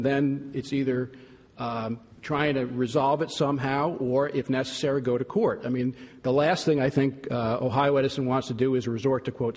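An American man, a lawyer giving a measured, explanatory oral argument in court. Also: medium pitch, a little mellow. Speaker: lawyer for a utility company. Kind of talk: formal but conversational oral argument. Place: large indoor courtroom. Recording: reverberant courtroom hall.

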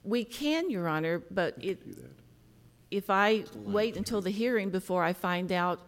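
A woman's voice: medium pitch, unhurried. A woman arguing as a prosecuting attorney in court, formal and deferential to the bench. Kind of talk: oral argument in court. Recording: long hall reverberation.

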